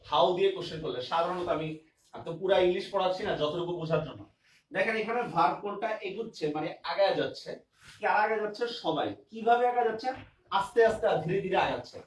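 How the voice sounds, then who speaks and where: An expressive man with a high-pitched voice talks fast as he teaches grammar online. He restates examples and frequently checks on his students' understanding; the room is echoey, the mic distant, and there's faint noise.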